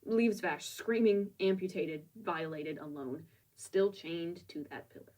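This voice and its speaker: A woman with a husky voice recaps a manga for a review. She muses over the scenes and drops in casual asides. Her mic sits some way off, so she sounds slightly distant. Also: fairly low pitch, unhurried, darkish tone. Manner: reflective, musing, casual asides.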